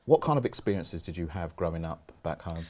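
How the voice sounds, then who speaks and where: A man's voice: low-pitched, animated, a little fast, darkish tone. A male interviewer presenting the conversation and asking questions in a chatty, encouraging way.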